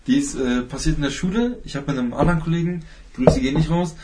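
A man's voice: fairly high pitch, quick pace, mellow. A young man, a podcast guest, telling a story in rambling casual chat full of fillers and laughs.

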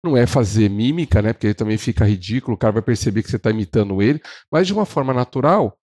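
A Brazilian man co-hosting a podcast, giving casual sales advice in an animated way, shifting his pace and acting out what clients say. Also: on the low side, racing. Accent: Brazilian Portuguese. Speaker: podcast co-host.

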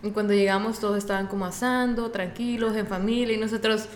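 A woman's voice: medium pitch, steady tone, quick pace. A young woman in casual chat, telling a story playfully and acting out quotes with laughter. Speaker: co-host. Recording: echoey room with faint ambience.

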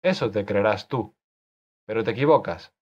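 A man's voice: on the low side, normal speed, husky. A man reading an audiobook, voicing an irritable author who scolds the character he created. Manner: exasperated, scolding. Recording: dull lo-fi recording.

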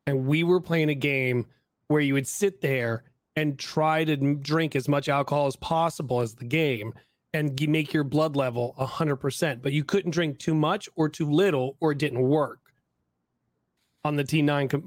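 A man from Texas hosts a casual podcast, animated and quick to laugh as he acts out other people's lines. His voice sits a bit high for a man. The recording is close and dry, with almost no room sound. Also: dry recording. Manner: animated, laughing storyteller who acts out quotes. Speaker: podcast host. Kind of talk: casual chat.

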